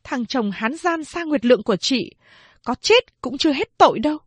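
A woman's voice: sits high, expressive, normal speed, fairly bright tone, no room sound, pitched above the performer's own voice. A woman voicing a hot-tempered young woman who argues back hard at her mother and sister. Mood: scornful. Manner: defiant, scolding. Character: sharp-tempered young woman, quick to slap.

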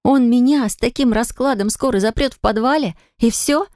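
A woman's voice: a little high, moderate pace, darkish tone, dry recording, clean studio sound, pitched above the performer's own voice, close to an everyday voice. A woman reading an audiobook, voicing an anxious, frightened young woman who talks in breathless, pleading bursts. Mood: distressed.

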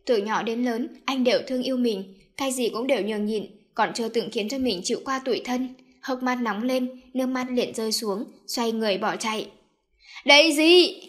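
A woman's voice: a little high, fairly quick. Woman narrating a story.

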